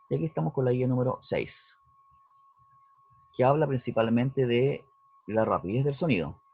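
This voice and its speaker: Teacher explaining over tinny audio. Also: male voice, medium pitch, normal speed, long pauses. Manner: explanatory, checks in with "¿cierto?" and "¿ya?". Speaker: physics teacher. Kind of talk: recorded lesson walkthrough. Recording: dry, husky, phone-like narrowband audio.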